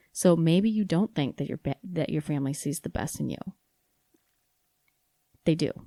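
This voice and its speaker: Chatty woman podcaster in her 30s, kinda low mellow voice, rambles and restarts. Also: dry recording, clean studio sound. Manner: chatty, self-deprecating, with restarts. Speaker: podcast host. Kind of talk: casual solo podcast talk.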